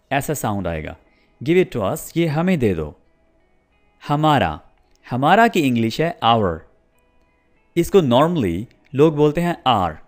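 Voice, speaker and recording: Slow, lively male English teacher. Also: mid-range voice. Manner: slow, drawn-out model sentences between explanations. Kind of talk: spoken English lesson.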